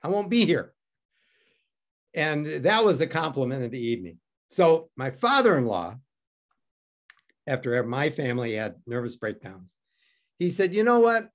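Animated storytelling man from Detroit. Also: medium pitch, a little slow, long pauses. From Detroit, United States. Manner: animated, wry and self-mocking, acts out voices in his story. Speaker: interview guest. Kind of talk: humorous personal storytelling.

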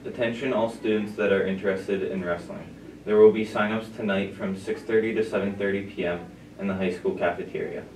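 A man reading morning school announcements as a student announcer in a steady, plain way, heard through a loudspeaker. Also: lowish voice, a little fast, echoey room, recorded from a distance, rough recording.

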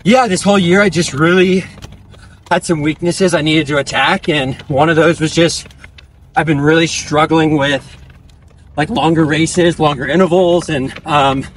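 Young man, fairly high voice, casual interview answers, breathy short phrases while running, faint outdoor noise. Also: steady tone, normal speed. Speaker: professional distance runner being interviewed. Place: outdoors on a dirt country road, on the move.

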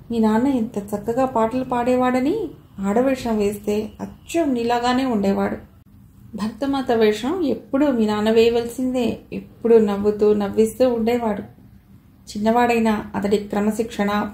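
A woman reading the part of a kindly, nostalgic elderly man who speaks fondly and gently, in a roomy-sounding recording. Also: a little high, close to an everyday voice. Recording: roomy echo.

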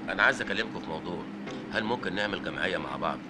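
An actor playing a humble, fawning male factory worker with an Egyptian accent, talking fast and deferentially. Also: deep voice, noisy background. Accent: Egyptian Arabic. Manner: rapid, deferential and flattering. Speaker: warehouse worker.

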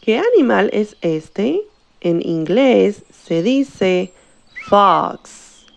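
Very animated and creaky, her mid-range voice comes through with the highs cut off. She teaches children bilingual vocabulary, drawing every word out slowly for the class to say back.

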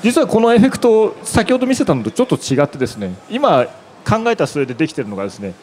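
Quick, animated man presenting on stage. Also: high voice, slight background noise. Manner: explanatory, heavy on filler words. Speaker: web developer presenting. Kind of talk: conference presentation. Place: exhibition stage, indoors. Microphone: handheld mic.

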